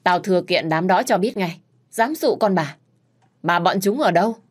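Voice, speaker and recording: A proud, fierce matron in a spoken story, her low voice sharp and scolding, voiced by a woman narrator. She clips her words like orders. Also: lively intonation, normal speed. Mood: angry. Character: fierce middle-aged mother of the household.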